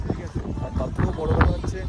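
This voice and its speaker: A man with a Bengali accent vlogging from a snowy mountain pass. He talks slowly and is short of breath from the altitude, with a dry throat, breaking into excited exclamations. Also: fairly high pitch. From Bengal, India. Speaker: travel vlogger. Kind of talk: casual vlog walk-and-talk. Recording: wind noise on the mic outdoors.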